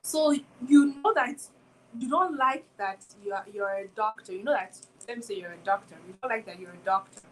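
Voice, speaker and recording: Brisk and medium-pitched, a woman in her twenties hosts a reflective solo motivational podcast built around recurring rhetorical questions. Poor audio carries a little hiss or hum.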